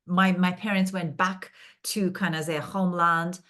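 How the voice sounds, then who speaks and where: Woman, lowish voice, thinks out loud with lots of ums, podcast guest. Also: flat delivery, a little slow. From Kazakhstan. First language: Russian. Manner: thoughtful, with many fillers and restarts. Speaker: guest, business founder. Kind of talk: podcast interview.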